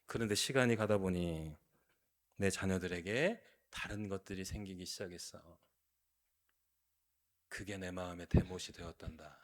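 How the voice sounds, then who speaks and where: A man voicing God as a tender, grieving heavenly father, speaking softly and low. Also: fairly quick, close to an everyday voice. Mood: sorrowful. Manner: soft, low, confiding.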